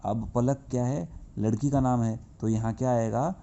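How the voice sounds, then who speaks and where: A man's voice: medium pitch, fairly even intonation, moderate pace, creaky, mellow, lo-fi sound, a little hiss or hum. A male school teacher giving a grammar lesson, explaining patiently and asking and answering his own questions. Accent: Hindi-speaking north Indian.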